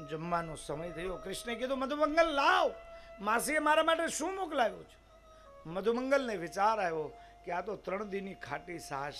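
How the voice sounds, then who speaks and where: High-voiced preacher telling a story. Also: male voice, fairly bright tone. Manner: emphatic, rhetorical questions to listeners. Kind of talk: devotional scripture storytelling sermon.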